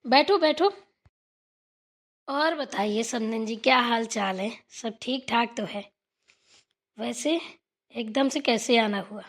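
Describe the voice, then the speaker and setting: A woman voicing a scolding middle-aged village mother-in-law in a cartoon, sharp and nagging. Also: a little high, takes it slowly, long pauses. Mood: defensive, chatty. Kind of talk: cartoon voice acting.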